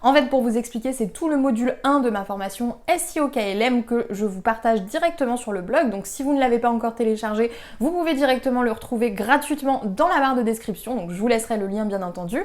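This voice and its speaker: A woman's voice: fairly high pitch, quick pace, few pauses, a little mellow. A young woman giving a casual, chatty beginner lesson as an online marketing trainer, with frequent fillers. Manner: chatty, many fillers like "du coup" and "bah".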